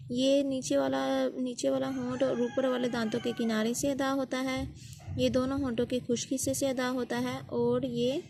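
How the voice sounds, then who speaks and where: A high-pitched woman teaches recitation in a slow, careful lesson. She repeats each letter sound so learners can copy it. Faint background noise sits under her voice. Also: a little mellow. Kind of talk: patient step-by-step pronunciation lesson.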